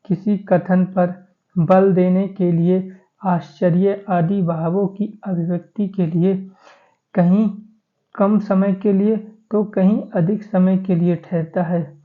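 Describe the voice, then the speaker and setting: Male grammar teacher, flat and slow, lists points by number, tinny phone-like recording. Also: high voice. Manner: steady, listing points by number. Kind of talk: exam-prep grammar lesson.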